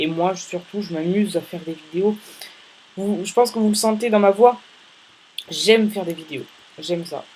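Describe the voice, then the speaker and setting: A man's voice: sits high, darkish tone, slight background noise, rough recording. A male gaming host giving casual, rambling let's-play commentary, chatting playfully with viewers between tasks.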